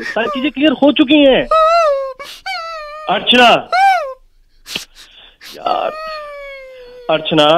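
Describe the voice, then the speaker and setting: A man on a phone call who sounds bewildered and pleading, asking the same questions again and again. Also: very high voice. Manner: bewildered, pleading, repeats himself. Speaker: prank call target. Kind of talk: confused phone conversation.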